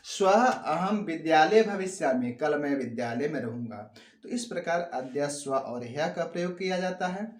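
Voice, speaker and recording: A man's voice: on the high side, expressive, normal speed, echoey room. A man teaching Sanskrit grammar to students. He reads each sentence out and then explains what it means, repeating the key words with emphasis. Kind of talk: classroom lesson explaining grammar.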